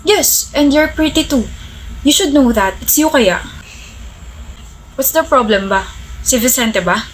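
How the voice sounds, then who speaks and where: A woman voicing a kind, soft-spoken young male friend from college with a Filipino accent. He teases gently. His voice sits a little high, with faint noise behind him. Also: expressive, slow pace, pauses often, poor audio. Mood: gentle.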